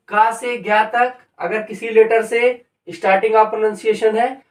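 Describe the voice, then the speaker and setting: A middle-aged man teaching an online grammar lesson, explaining step by step and slowly repeating each example. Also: sits high, a bit bright. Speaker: English teacher. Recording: echoey room, far from the mic.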